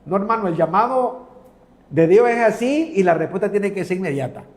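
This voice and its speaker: Male TV preacher, high voice, reads Bible passages, fervent asides, calls listeners brother. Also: lively intonation, fairly quick.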